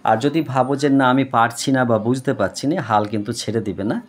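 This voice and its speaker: A man tutoring children in reading, spelling out syllables slowly and then giving quick advice about study habits. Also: medium pitch.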